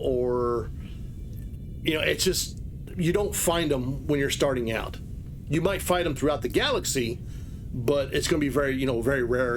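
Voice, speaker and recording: A male game streamer talks at an ordinary, mid-range pitch. He gives loose, rambling explanations as he plays, full of "uh" and "you know.". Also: background noise. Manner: casual, rambling explanations with many fillers. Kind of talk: live gameplay commentary.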